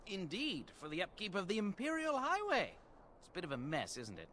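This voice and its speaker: An actor playing a sly bandit leader who extorts travelers with a fake toll, sarcastic and scheming. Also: male voice, high voice, wildly swooping pitch, brisk, pushed and bright, a little hiss or hum, full character voice. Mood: smug. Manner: sly, sarcastic, then groveling.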